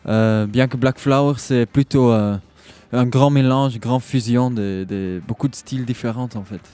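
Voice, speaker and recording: A Dutch-speaking Belgian man being interviewed as a guest, speaking French with a foreign Flemish accent and often pausing to search for words. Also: mid-range voice, warm tone, clean tone. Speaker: musician guest, saxophonist and band leader. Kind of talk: conversational radio interview.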